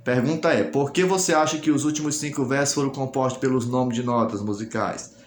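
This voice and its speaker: A man's voice: mid-range voice, a little fast. A man teaching a recorded class, explaining step by step and asking and answering his own questions. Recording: echoey room, faint noise.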